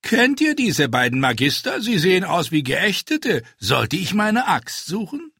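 Man reads cheeky dwarf, high and loud, crude sardonic wit, audiobook. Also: wildly swooping pitch, measured pace, creaky, slightly rough, no echo, clean studio sound, heavily acted. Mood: mocking. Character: sharp-tongued mocking dwarf man.

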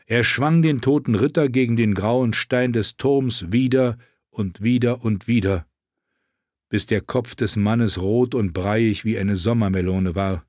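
A man with a low voice reads a novel aloud, steady and measured. The recording is close and dry with no room sound. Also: no echo. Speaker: audiobook narrator. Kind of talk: reading a fantasy novel aloud.

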